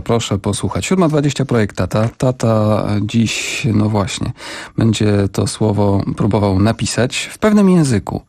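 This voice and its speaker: A man's voice: lowish voice, darkish tone. A man hosting a morning radio show, announcing the programme and reading press headlines with wry asides. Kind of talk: casual radio presenting. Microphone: studio microphone.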